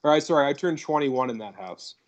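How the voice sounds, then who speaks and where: A man's voice: medium pitch, expressive, fairly quick, highs cut off. A man in his thirties from Colorado, a guest comedian chatting casually on a video call, rambling and swearing with lots of "like" and "dude". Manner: rambling and profane, leans on "like" and "dude". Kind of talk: casual podcast chat.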